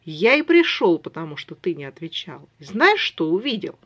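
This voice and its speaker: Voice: medium pitch, big pitch swings, normal speed, fairly bright tone. A reader voicing a sly male ruler who speaks in clipped, chiding phrases, in an audiobook. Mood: stern. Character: sly older brother Lami, a ruler. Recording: dull lo-fi recording.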